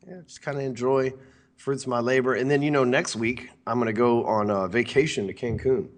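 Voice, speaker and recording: A man's voice: medium pitch, steady tone, a little fast. A man hosting a sales podcast, talking in a brash, rambling, profane way. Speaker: podcast host. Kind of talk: casual profane podcast talk.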